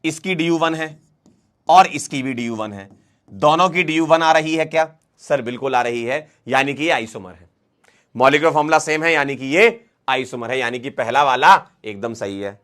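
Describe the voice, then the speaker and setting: A man teaching a chemistry class, working through exam questions in a lively, playful way and coaxing students along. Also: fairly high pitch. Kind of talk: online class lecture.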